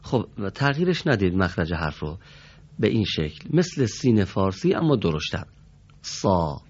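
Low-voiced man teaching letter sounds. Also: very animated, a little mellow, husky, muffled recording. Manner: patient and formally polite, modelling letter sounds for students to repeat. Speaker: Quran reading teacher. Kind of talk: classroom instruction.

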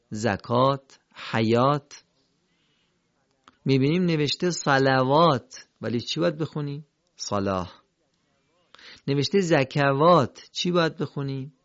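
A man with a gravelly voice leads a recitation lesson, asking questions and answering them himself. His delivery is patient and drilled. The sound is dry and a little dull. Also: mid-range voice, no room sound. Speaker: Quran recitation teacher. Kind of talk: instructional lesson.

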